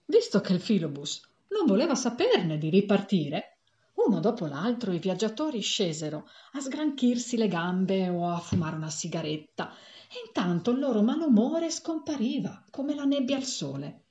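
A woman reading a children's story aloud with an animated, theatrical delivery. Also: mid-range voice, moderate pace, dull audio.

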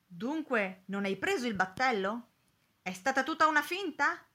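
A desperate gentleman shrieks in high, piercing cries, as a woman puts him on for a storybook reading. The voice is bright and shrill and swings wildly in pitch. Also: expressive, normal speed. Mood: pleading. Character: frantic gentleman who lost his nose.

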